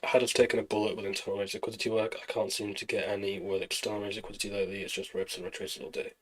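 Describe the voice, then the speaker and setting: A man with a low voice streams his trading session live. He walks through chart setups and answers chat in a relaxed, explanatory way, thinking aloud as he goes. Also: very fast, rough recording.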